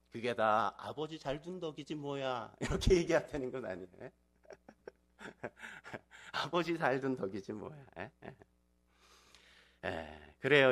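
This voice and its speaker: A man's voice: high-pitched, a bit bright. A man preaching a sermon to his congregation, asking them frequent rhetorical questions and acting out the voices in his stories. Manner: acts out quoted voices in anecdotes. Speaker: pastor. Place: church sanctuary.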